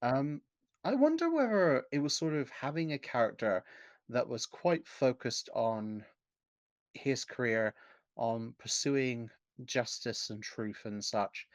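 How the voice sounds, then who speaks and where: A man co-hosting a podcast, speaking in a measured way and often searching for the right words. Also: medium pitch, no echo, highs cut off. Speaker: podcast co-host. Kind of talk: casual podcast discussion.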